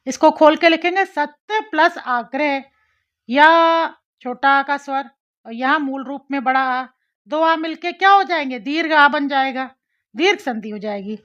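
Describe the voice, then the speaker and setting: A woman's voice: high voice, moderate pace, a bit bright. A woman teaching a grammar lesson, explaining step by step, repeating syllables and asking questions to her students. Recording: slightly dull lo-fi audio.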